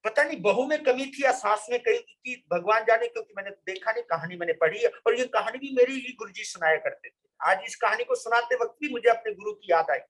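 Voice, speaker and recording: A monk tells a long moral story in a sermon, often repeating his phrases for emphasis. His voice sits very high for a man. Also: fairly quick, hardly any pauses, fairly bright tone, poor audio. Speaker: Jain monk.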